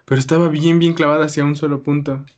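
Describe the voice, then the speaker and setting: A man's voice: a little high, level tone, darkish tone, highs cut off. A young man with a Mexican accent, co-hosting a casual chat and telling anecdotes with slang and jokes. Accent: Mexican Spanish. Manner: slangy, joking, quick to laugh. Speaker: podcast co-host.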